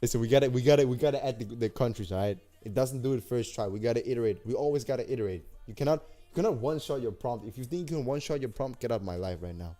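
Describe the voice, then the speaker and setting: Racing along in a mid-range, dark voice, a young Danish streamer demos an app builder as soft music plays. He hypes things up in slang, talks straight to chat, and keeps repeating himself.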